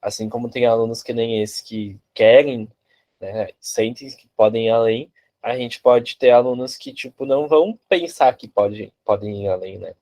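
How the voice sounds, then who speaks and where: A man's voice: mid-range voice, moderate pace, mellow. A Brazilian man taking part in an online course, talking casually and hesitantly on a video call. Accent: Brazilian Portuguese. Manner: hesitant, filler-heavy, "assim" and "né". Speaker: course participant.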